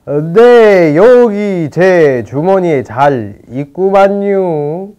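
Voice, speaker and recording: A man puts on a naive rural sidekick for kids' toy play. The words come out slow and drawling, in a countrified way. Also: high voice, lively intonation, a little mellow, smooth, highs cut off, full character voice. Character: slow-talking, naive country bumpkin robber's assistant. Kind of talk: toy play storytelling for children.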